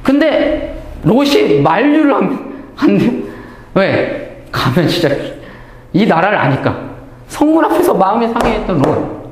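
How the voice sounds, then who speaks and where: Lively, high-voiced man teaching Bible lessons. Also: measured pace, roomy sound. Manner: animated, asks and answers his own questions, acts out quoted speech. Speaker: Bible lecturer. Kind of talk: Bible study lecture.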